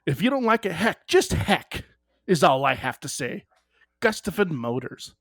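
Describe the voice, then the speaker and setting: A man's voice: on the high side, very animated, normal speed, a bit bright, no room sound, clean studio sound. A man putting on a put-on Upper Midwest accent to play a flustered, folksy middle-aged car salesman who stammers over his lines. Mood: folksy salesy.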